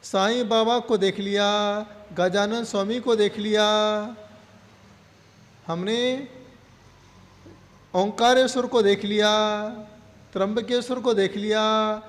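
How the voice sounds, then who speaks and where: High voiced guy teaching verses slowly, keeps asking the class stuff, long echo. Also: steady tone. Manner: slow, asks questions and repeats answers. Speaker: religious teacher.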